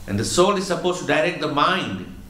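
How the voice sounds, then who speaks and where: A man giving a religious lecture as a spiritual teacher, explaining slowly and patiently, often repeating words as he goes. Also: a little high, animated, pushed and bright, echoey room, poor audio.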